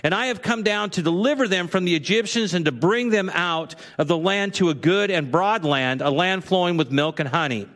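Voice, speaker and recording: Speaking at a normal pace with hardly any pauses, a pastor in a church sanctuary gives a conversational sermon and acts out the voices of figures he quotes from time to time. His voice is high and fairly bright, and the sound carries long hall reverb.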